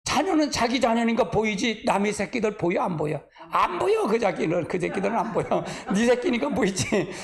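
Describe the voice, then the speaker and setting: A male pastor gives a homespun, conversational sermon with a gravelly edge to his voice. His pitch swings widely as he sighs, chuckles and asks the congregation to answer him. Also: very animated, normal speed, few pauses, crowd noise. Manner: folksy and chatty, sighing and laughing often.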